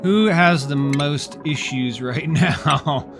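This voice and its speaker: Over music, a man streams his gameplay and narrates as he goes, grumbling sarcastically and with exasperation at his characters. His voice is fairly high with vocal fry, and he talks slowly.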